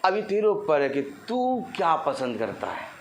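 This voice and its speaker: An animated, middle-aged male preacher with a fairly high voice delivers a lively sermon. He mimics ordinary people in a teasing way, and a faint room hiss sits beneath his voice. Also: unhurried, vocal fry. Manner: animated preaching, acting out everyday people with playful mockery and laughter. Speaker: pastor. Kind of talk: Hindi sermon with congregation responses.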